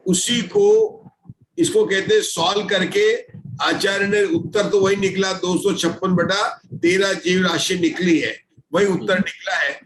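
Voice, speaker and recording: A man's voice: sits high, unhurried, fairly bright tone, reverberant, low-quality recording. A man teaching an online scripture class, patiently explaining formulas step by step and checking often that everyone follows.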